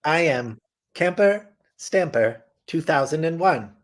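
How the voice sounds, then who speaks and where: A man performing a talking camper's built-in voice, stiff and announcing, louder than plain talk. Each word is laid out like a machine reading prompts in an improvised comedy bit. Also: a little high, expressive, takes it slowly. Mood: robotic. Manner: stiff, announcing robotic delivery. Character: chirpy automated camper voice, machine.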